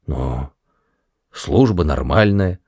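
A man voicing a dim-witted, hulking young male alien guard in an audiobook, with a low, slow, dull mumble. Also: very animated, a little mellow, heavily acted.

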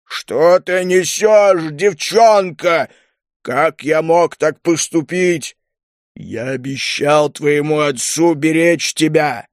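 A man's voice: no room sound, studio quality. A man growling as a huge old kobold. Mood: growling scornful. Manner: slow growling rumble. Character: huge old male kobold smith, gruff, proud. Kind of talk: audiobook character reading.

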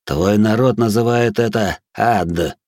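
A ruthless male spirit interrogating a prisoner in an audiobook, read by a man. He speaks slowly and coldly in a lowish voice, growling his commands. The recording is close and dry. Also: a little mellow, no room sound. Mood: commanding.

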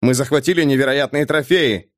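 A man's voice: medium pitch, fairly quick, dry recording, studio quality, natural voice. A man voicing an earnest, respectful young warrior in an audiobook.

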